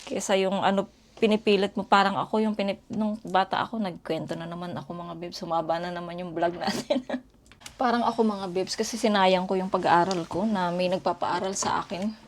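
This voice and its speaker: A woman's voice: on the low side, steady tone, fairly quick. A middle-aged woman from the Philippines, chatting casually and rambling to her viewers as she tells stories at home. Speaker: vlogger. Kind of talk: casual storytelling chat to viewers. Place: home in Korea.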